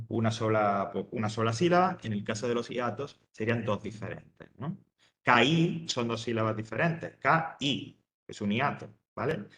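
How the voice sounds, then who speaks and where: A man's voice: medium pitch, fairly bright tone, echoey room. A man teaching a lesson to students, explaining step by step, often checking in and restarting his sentences. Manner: explanatory, checks with "¿vale?", many fillers and restarts. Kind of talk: lecture to students.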